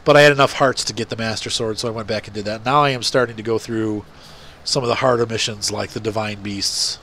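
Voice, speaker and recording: This middle-aged gaming channel host has a congested nose and a lowish, pushed, bright voice. He talks quickly in a steady tone over slight background noise, giving chatty, rambling farming-game commentary with lots of fillers.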